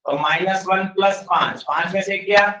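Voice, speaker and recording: Energetic man teaching in an echoey classroom. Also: high voice. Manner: energetic, drilling students with rapid questions. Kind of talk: classroom physics lecture. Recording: dull roomy classroom sound from a distance.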